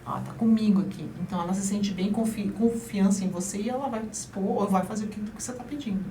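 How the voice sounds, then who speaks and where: A woman guest explaining child-rearing methods in an emphatic, lively way during an interview. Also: mid-range voice, fast. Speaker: guest, parenting advisor. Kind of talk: interview conversation. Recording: roomy, distant mic, faint noise.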